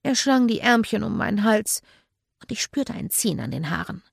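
Gravelly, lively woman audiobook narrator. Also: mid-range voice, normal speed, no echo, clean studio sound. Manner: lively, expressive storytelling. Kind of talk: first-person audiobook narration.

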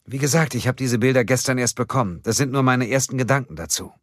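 A man voicing a calm female police analyst. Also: medium pitch, quick pace, dry recording, studio quality, voice pushed up, close to an everyday voice. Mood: grave.

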